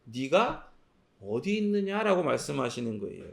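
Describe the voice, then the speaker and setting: A man's voice: fairly high pitch, big pitch swings, moderate pace, creaky. A male pastor preaching a sermon, asking rhetorical questions and answering them himself. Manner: acts out quoted lines in a sharp voice.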